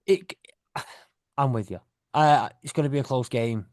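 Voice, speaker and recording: A man's voice: mid-range voice, a little slow, a little mellow, no echo, clean studio sound. A man from the UK hosting a podcast in casual chat, rambling and joking as he talks. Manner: rambling, jokey, self-correcting. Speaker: podcast host.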